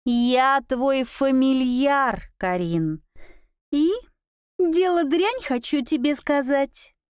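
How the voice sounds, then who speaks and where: A woman voicing a small male bat familiar who talks in a high, slow, drawn-out, lecturing way, as in a read-aloud storybook. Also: expressive, dry recording, studio quality, full character voice. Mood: explaining.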